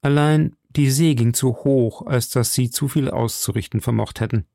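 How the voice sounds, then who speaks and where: A man reading a classic adventure novel aloud in slow, measured scripted narration. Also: mid-range voice, gravelly, dark tone, no room sound, clean studio sound. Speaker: audiobook narrator.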